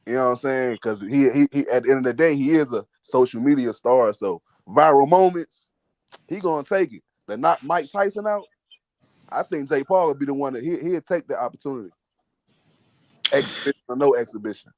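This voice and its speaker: A man in the middle of the usual pitch range co-hosts a podcast and gives his opinions bluntly. He talks in heavy slang and swears freely. The recording is dry, with no room sound. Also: animated, a little fast, a little mellow, no echo. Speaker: podcast co-host. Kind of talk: casual chat.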